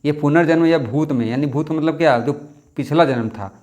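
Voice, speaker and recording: A young man teaching a spelling lesson for an exam, thinking out loud, repeating words and correcting himself, and stretching words out slowly as he spells them. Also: fairly high pitch.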